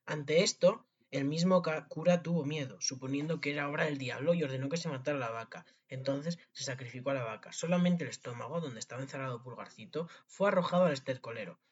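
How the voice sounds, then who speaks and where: A man's voice: mid-range voice, quick pace, hardly any pauses. A man narrating a fairy tale aloud, with small slips and restarts. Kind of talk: storybook reading. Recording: dull lo-fi recording.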